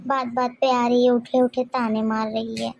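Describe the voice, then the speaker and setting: A woman's voice: on the high side, level tone, normal speed, creaky, a little mellow. A woman voicing a well-meaning, fussing middle-aged mother-in-law in a cartoon story, scolding in a plaintive, pleading way. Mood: aggrieved.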